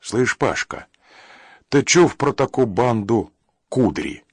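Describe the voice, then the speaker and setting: A man's voice: medium pitch, animated, slow, dry recording, voice pushed up. A man voicing an old, ailing rural father who mixes in Ukrainian words. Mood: worried. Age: older. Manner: rustic speech with Ukrainian words. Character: old ailing male Cossack-country father, suspicious.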